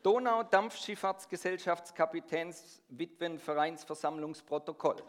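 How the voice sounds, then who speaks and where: Unhurried and fairly high-voiced, a middle-aged preacher from the Stuttgart area delivers a sermon. His speech is Swabian with a hint of Swiss German, and he keeps the congregation involved through questions.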